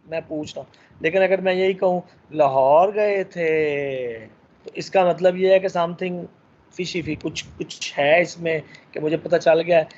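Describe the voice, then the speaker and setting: A man teaching a recorded lesson, lecturing at an even pace with frequent fillers and switches into English phrases. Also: a little high, lo-fi sound.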